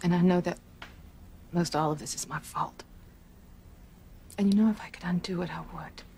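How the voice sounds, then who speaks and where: An actress playing a remorseful middle-aged mother, pleading emotionally in a hushed, breathy voice in a soap opera. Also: on the low side, steady tone, normal speed, slight background noise. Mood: anguished pleading. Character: remorseful, devoted mother pleading with her grown son. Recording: music under the voice.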